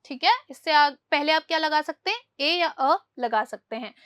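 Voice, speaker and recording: A woman teaching English grammar, who asks questions and answers them herself, slowing down to read English example sentences. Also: sits high, fairly bright tone, no room sound. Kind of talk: spoken grammar lesson.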